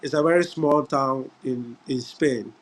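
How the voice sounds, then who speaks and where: Speaking at a medium pitch, a middle-aged guest speaker from Ghana presents a webinar over video call in Ghanaian-accented English. His delivery is unhurried, with repeated words and frequent fillers like "uh" and "yeah".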